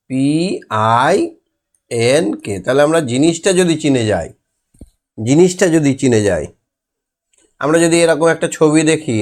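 Guy teaching little kids homework, slow and patient, spells out each letter, average pitch, close mic. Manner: patient, quizzes children and spells words out letter by letter. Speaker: primary school teacher. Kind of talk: homework lesson for young children.

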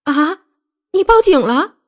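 Woman doing a young wife on the edge, high shrill screaming, tearful rage; audiobook. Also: big pitch swings, brisk. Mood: shrill hysteria.

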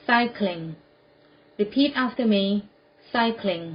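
A woman teaching children English vocabulary, saying each word clearly and spelling it out letter by letter. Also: a little high, very slow, lo-fi sound. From Thailand. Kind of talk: slow classroom vocabulary drill.

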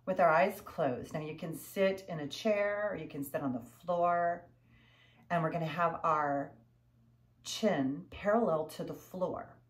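Low-pitched older woman, slow and measured. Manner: measured, instructional, short phrases with pauses. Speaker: yoga breathing instructor. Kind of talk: guided breathing lesson. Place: furnished living room, indoors.

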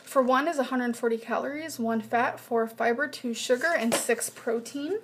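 A young adult woman with a high voice chats at a moderate pace while filming a casual grocery haul vlog in her home kitchen. She reads nutrition numbers out in a flat list. The built-in webcam mic sits at desk distance, and the background is noisy.

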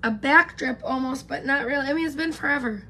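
A high, sharp voice, a little fast, from a thirtysomething beauty vlogger who is losing her voice. She rambles casually on a get-ready-with-me live stream, greeting viewers by name as she does her makeup in a pink-neon home room, captured close up by a camera in front.

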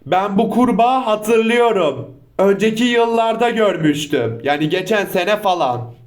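A man's voice: high voice, expressive, unhurried. A man chatting casually as the host of a reaction video. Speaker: YouTube host.

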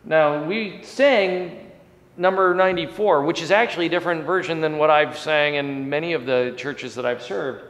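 A pastor in his forties preaches and prays earnestly, his emphasis rising and falling through the sermon. His voice sits on the high side at a moderate pace, a bit bright, with lo-fi sound. A fixed camera at chest height captures him indoors in the church sanctuary, where a long hall reverb trails each phrase.

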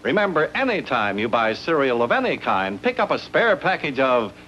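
A man's voice: medium pitch, big pitch swings, moderate pace, pushed and bright, slight background noise. A man announcing a commercial in an upbeat, emphatic selling voice, heard as an old 1950s TV broadcast. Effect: 1950s TV broadcast sound. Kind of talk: scripted 1950s TV ad narration. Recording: dull lo-fi 1950s TV soundtrack with faint music.

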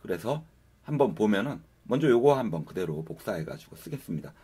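Man, coding instructor, husky voice, low and lively pitch, casual step-by-step explaining. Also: a little fast. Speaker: programming instructor. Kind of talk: screen-recorded coding tutorial. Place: at a computer, voice-over on screen recording.

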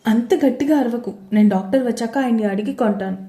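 A woman's voice: on the high side, fast, dark tone, roomy sound, lightly acted. A woman voicing a caring elder sister who scolds her younger sibling. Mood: scolding.

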